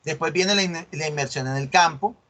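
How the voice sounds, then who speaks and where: A man's voice: on the high side, fairly quick, fairly bright tone. A middle-aged man, giving an online university class. He acts out dialogues with students and keeps checking that they follow. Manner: explains by acting out student dialogues, checks understanding often. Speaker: university lecturer. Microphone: video call.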